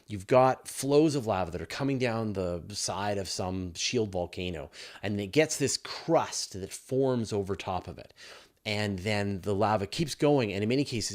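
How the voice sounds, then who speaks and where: Low-voiced Western Canadian man explaining. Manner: casual explanatory, many fillers and restarts. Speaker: host answering live viewer questions. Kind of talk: live Q&A chat.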